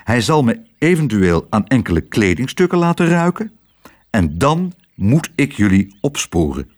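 A man's voice: medium pitch, sing-song, moderate pace, darkish tone. A man voicing a stern, pompous male police dog who talks in formal, officious language in a storybook reading. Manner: formal, officious bureaucratic speech.

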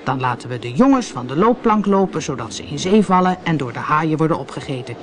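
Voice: medium pitch, expressive, fairly quick, fairly bright tone, a little hiss or hum, lightly acted. A storybook reader voicing a bossy, blustering grown male pirate captain who roars his orders, with faint background ambience. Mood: gleeful. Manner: roaring, bossy.

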